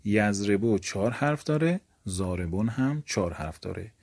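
A man's voice: fairly low pitch, lively intonation, darkish tone. Man explaining grammar to a class. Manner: explains step by step, asks and answers his own questions. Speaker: teacher. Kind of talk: grammar lecture.

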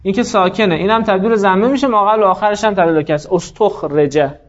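A man teaching a grammar class in a notably high voice, walking through each rule step by step. He keeps turning to students with questions, calling on them by name. The recording is dull and lo-fi. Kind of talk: classroom lecture.

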